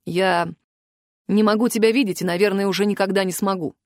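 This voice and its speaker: A woman reading the part of a gruff, hot-tempered young male student mage in an audiobook. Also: mid-range voice, fairly even intonation, a little fast, no room sound, studio quality, natural voice. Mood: curt.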